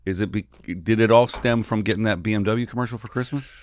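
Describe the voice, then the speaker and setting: A man with a low voice hosts a casual comedy interview. He banters in slang and keeps it jokey. The recording is dry, without audible room. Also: fast talker, dry recording. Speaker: podcast host.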